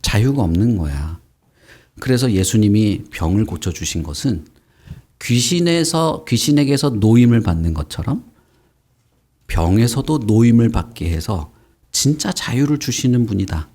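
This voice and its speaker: A man's voice: fairly low pitch, normal speed, slightly rough. A man giving a children's Sunday school sermon, speaking informally and quizzing the kids with questions. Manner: animated, asks children questions and acts out quotes.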